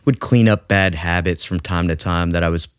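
Low-voiced man, halting with fillers. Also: fairly even intonation, clean tone, no echo, studio quality. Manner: halting, many fillers and restarts. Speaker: guest bassist. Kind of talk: casual podcast chat.

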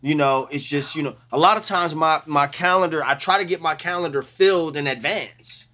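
Animated bright-voiced man in his forties. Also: fairly high pitch, moderate pace. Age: 40s. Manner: animated, emphatic, slips into a mock preacher voice. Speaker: bass player guest. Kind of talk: casual interview chat.

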